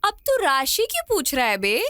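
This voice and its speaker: A woman's voice: sits high, wildly swooping pitch, moderate pace, bright, forceful tone, no room sound, clean studio sound, full character voice. A sassy young woman. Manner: brash, dismissive. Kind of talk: Hindi film dub.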